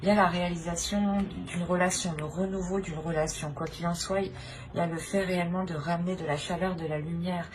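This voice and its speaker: On the low side and steady in tone, her voice moves a little fast as she hosts an unscripted tarot reading for her viewers. She's hesitant, repeats phrases, and often throws in "hein." The recording has noticeable background noise.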